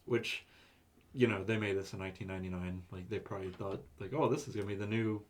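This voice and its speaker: Stammering young man, lowish voice. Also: fast talker. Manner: stammers and restarts, hedging before his point. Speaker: podcast co-host. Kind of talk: casual chat.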